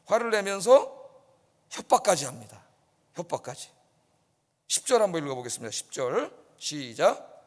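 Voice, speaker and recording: Male pastor, lively high voice, sermon in a reverberant sanctuary, keeps asking the congregation "yes?". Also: normal speed, long pauses. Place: church sanctuary. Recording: long reverb in a church hall.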